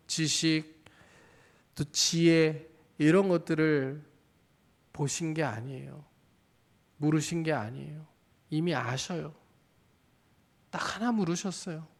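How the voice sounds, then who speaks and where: A man's voice: a little high, slow pace, pauses often. Earnest pastor preaching to his congregation. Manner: earnest, addresses the congregation with questions. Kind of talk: sermon. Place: church.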